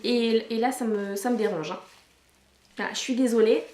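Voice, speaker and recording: A woman's voice: on the high side, normal speed, a little mellow, echoey room. A woman chatting casually through a product review vlog, talking with many fillers and restarts into a camcorder microphone.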